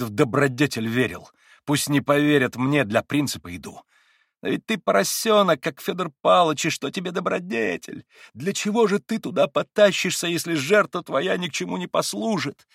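A man voicing a feverish, tormented young man in an audiobook, husky and agitated, rising into anguished outbursts. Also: medium pitch, a bit bright, no echo, studio quality, voice pushed up. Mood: bitter. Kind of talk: audiobook character reading.

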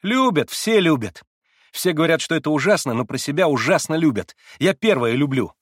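A man's voice: fairly high pitch, big pitch swings, fairly quick, husky, no echo, clean studio sound, pitched above the performer's own voice. A man voicing Liza, a feverish young girl. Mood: excited. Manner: breathless, rapturous, provocative. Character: excitable, morbid young girl. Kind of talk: audiobook reading.

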